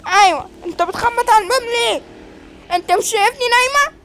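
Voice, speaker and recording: A shrill, grumpy woken sleeper. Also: female voice, fast talker, a bit bright. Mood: cross. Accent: Egyptian Arabic. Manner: shrill scolding.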